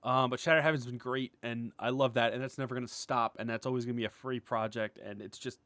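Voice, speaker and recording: An indie animator, writer and series creator gives his followers an unscripted update, gushing with enthusiasm and saying "like" constantly. His mid-range voice is fairly bright with even intonation, he talks fast, and there's no echo.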